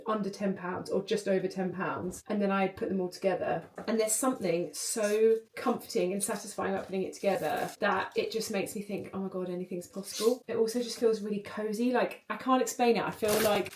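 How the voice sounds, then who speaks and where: A woman's voice: medium pitch, darkish tone. Chatty British woman, roomy room. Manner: chatty, rambling, full of "like". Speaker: vlogger. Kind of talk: casual chat to camera. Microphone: distant camera mic. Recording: roomy, distant home recording.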